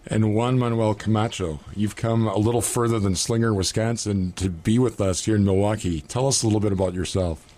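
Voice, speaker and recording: Priest hosting a radio show, lowish voice, measured and earnest. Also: male voice, steady tone, mellow. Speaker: radio show host, seminary rector.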